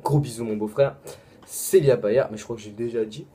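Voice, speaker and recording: A young man with a French accent, rattling off a long list of names in a casual shout-out video, with quick asides and apologies. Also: mid-range voice, steady tone. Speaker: vlogger.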